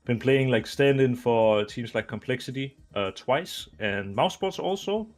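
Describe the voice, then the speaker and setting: Danish-raised man in his twenties, relaxed. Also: medium pitch, measured pace, soft background music. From Denmark. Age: 20s. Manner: relaxed, rambling answers full of fillers and laughs. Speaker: interview guest, retired esports player. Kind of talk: casual video interview.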